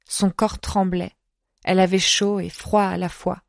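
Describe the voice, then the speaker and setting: A woman narrating an audiobook in a measured, expressive reading. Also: fairly low pitch, creaky, no room sound, studio quality. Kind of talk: scripted narration.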